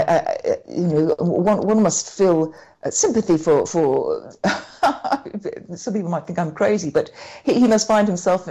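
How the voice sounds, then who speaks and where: A woman talking as a guest in an interview, recounting events in a halting way and often restarting her sentences. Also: fairly low pitch, mellow. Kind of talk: conversational interview.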